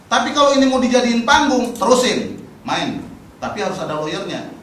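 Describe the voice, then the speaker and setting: A man's voice: very high voice, brisk, slight background noise. Blunt lecturing man, echoey and distant. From Indonesia. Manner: blunt, animated storytelling, acts out police and activists. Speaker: human rights lawyer lecturing. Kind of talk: lecture to a training course. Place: training venue hall, in front of a class. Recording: echoey room recorded from afar, faint ambience.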